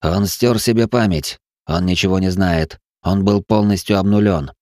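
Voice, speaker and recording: A man voicing a stubborn captain who is a digital ghost, speaking slowly and steadily. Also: low-pitched, a little mellow, dry recording, clean studio sound, natural voice.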